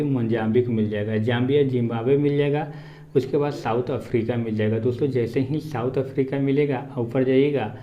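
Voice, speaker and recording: A man teaching geography for exams, reciting country names in drills and urging viewers to repeat after him. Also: medium pitch. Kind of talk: exam-prep map lesson. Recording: echoey room, dull lo-fi sound, faint background hum.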